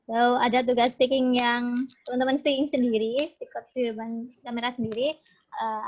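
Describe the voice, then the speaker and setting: A woman teacher talks casually to her online class, upbeat and encouraging, laughing easily. Her voice sits a little high. The sound is dull and lo-fi, like a video call. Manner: chatty and encouraging, laughs often. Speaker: English teacher. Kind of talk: casual online class talk mixing English and Indonesian.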